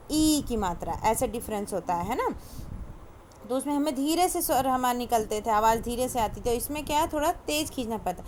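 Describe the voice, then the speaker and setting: Female kindergarten teacher, slow syllable-by-syllable delivery, slightly high voice. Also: a little mellow, slight background noise. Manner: slow, drawn-out word-by-word pronunciation with frequent "है ना?". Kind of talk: online class lesson.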